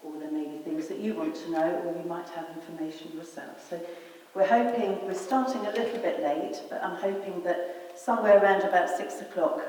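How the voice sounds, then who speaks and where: Woman, fairly low voice, meeting chair, informal, distant and roomy. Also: brisk, a little mellow. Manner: chatty, informal, explaining. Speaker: event chair. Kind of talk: public meeting introduction. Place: meeting room. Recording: echoey hall, distant mic, hiss.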